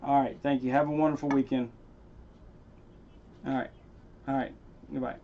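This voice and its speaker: A man hosting a casual coin-hunting livestream. He talks straight to his chat viewers by name and gets loudly excited over his finds. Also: medium pitch, normal speed, muffled recording, slight background noise.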